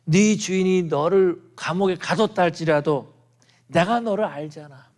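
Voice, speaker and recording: A man voicing God gently consoling and reassuring a faithful servant. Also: sits high, moderate pace, lightly acted. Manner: tender, reassuring.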